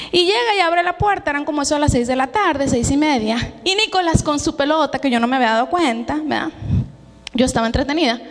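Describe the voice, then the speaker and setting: A middle-aged Mexican woman giving a personal testimony sermon, telling it with emotion and mixing in English words. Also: high-pitched. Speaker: preacher. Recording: long hall reverb.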